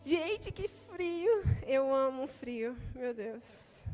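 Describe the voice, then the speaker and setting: Young Brazilian woman preacher, high voice, chatty church sermon with faint music behind. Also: lively intonation, very slow, a little mellow, long reverb tail. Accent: Brazilian Portuguese. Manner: chatty, conversational, with frequent tag questions and light laughs. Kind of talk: sermon with opening prayer.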